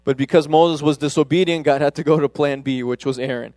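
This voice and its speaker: Guy preaching like he's just chatting, keeps restarting lines, smooth clear voice, dry sound. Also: fairly high pitch, steady tone, brisk, darkish tone, no room sound. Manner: conversational, often restarts sentences. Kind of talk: casual sermon.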